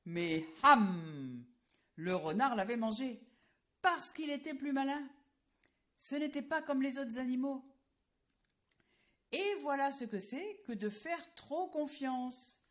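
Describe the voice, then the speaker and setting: A woman telling a children's story in an expressive, playful way, sometimes asking the listener questions. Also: high voice, unhurried, long pauses.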